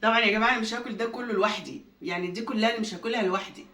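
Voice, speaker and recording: A woman's voice: fairly high pitch, rapid-fire, pushed and bright. A woman with an Egyptian Arabic accent in a home kitchen, chatting casually and directly to her viewers as a cooking vlogger. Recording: roomy, distant from the mic, faint background noise.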